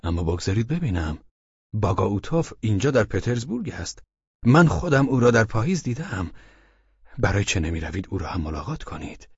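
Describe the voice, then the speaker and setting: A man voicing an irritable, impatient gentleman in an audiobook, with sharp, exasperated outbursts. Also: lowish voice, very animated, husky, no room sound, lo-fi sound, exaggerated voice. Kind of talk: audiobook character reading.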